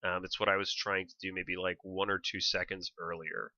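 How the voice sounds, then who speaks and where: A man giving casual explanatory video commentary on his own fencing footage, halting and thinking aloud step by step. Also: deep voice, level tone, pushed and bright, no echo. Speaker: fencer reviewing own sparring footage. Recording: slightly dull, lo-fi, dry sound.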